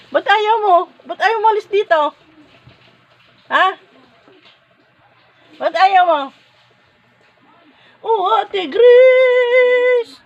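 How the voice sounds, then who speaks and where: A woman talks to her dog at home in a high, sing-song voice that rises and falls a lot, coaxing and teasing it between bursts of laughter. She speaks slowly and drawn-out, as if to a child. The sound is dull and lo-fi, like a phone video. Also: a bit bright. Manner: playful, coaxing, laughs often. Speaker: pet owner filming her dog. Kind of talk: casual talk to a pet. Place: at home, indoors.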